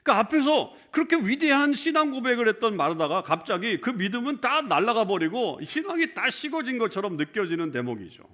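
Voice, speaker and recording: A man's voice: high voice, sing-song, brisk, hardly any pauses, a bit bright. A male pastor giving a conversational sermon in church, often putting questions to the congregation. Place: church sanctuary.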